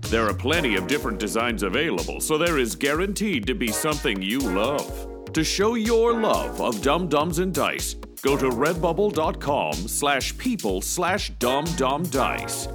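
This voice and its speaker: A man playing a grandiose god of merchandising. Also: very animated. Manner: slow, grand, pun-making pitchman. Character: boastful male god of merchandising. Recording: music playing behind.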